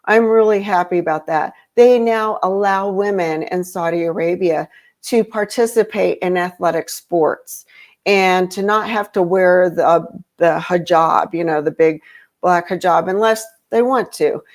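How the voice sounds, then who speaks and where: Speaking at a measured pace in a lowish voice, a European-raised woman rambles through casual podcast conversation as a guest. Fillers and restarts crop up often.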